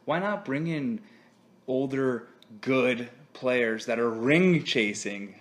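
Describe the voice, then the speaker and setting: A man appearing as a guest on a sports podcast, talking in an animated, opinionated way and laughing as he goes. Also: mid-range voice, slow pace. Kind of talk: casual sports chat.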